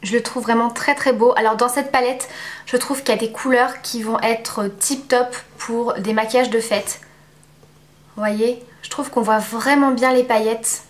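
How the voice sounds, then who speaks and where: A woman giving a casual, chatty makeup review at home, pausing often on fillers. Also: a little high, fairly even intonation, echoey room. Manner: chatty, many filler pauses. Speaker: beauty vlogger.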